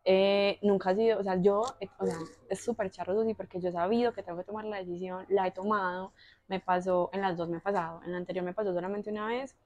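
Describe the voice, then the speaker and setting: A young woman with a Colombian accent talks fast as a podcast guest. She tells personal stories casually, lively and full of fillers, acting out her own thoughts as quotes. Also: mid-range voice. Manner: animated, with frequent fillers and quoted inner voices. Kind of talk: casual conversational storytelling.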